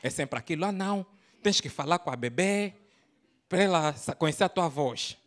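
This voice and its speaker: Expressive and at a normal speed, this stand-up routine comes from a man in his thirties with an Angolan Portuguese accent. Handheld mic in hand at a comedy club, he shifts from booming bursts to low, slangy remarks.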